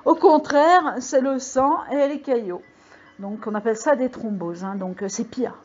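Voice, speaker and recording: A woman's voice: fairly high pitch, normal speed, a little mellow. Woman rambling to her viewers on her own channel, lots of uh's, kinda muffled mic sound. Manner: rambling, many fillers, emphatic warnings. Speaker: video channel host. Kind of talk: casual monologue to viewers. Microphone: microphone. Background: computer mail alerts.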